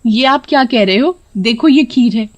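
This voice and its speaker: Lady doing a greedy sly cartoon wife, shrill and high, stammers in fright. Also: moderate pace, dull audio, natural voice. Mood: scheming. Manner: shrill, stammering screams when scared. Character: greedy scheming rich wife, terrified later.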